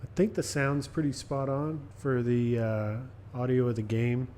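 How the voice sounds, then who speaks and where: A man's voice: mid-range voice, fairly even intonation, a little slow, a little mellow, slight background noise. A man giving casual commentary as he livestreams a video game. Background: game music.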